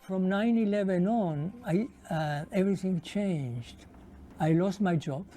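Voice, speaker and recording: A man's voice: sits high, measured pace, mellow, faint music behind. Polish-born man in his seventies, hesitant. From Poland. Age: 70s. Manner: hesitant, repeating himself. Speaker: Holocaust survivor interviewee. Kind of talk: documentary interview.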